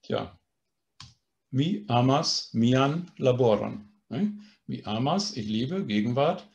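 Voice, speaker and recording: A man's voice: mid-range voice, animated, takes it slowly, vocal fry, a little mellow, muffled recording. A man teaching a language course, explaining grammar patiently and often checking in with a questioning "ne?". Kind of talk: online language lesson.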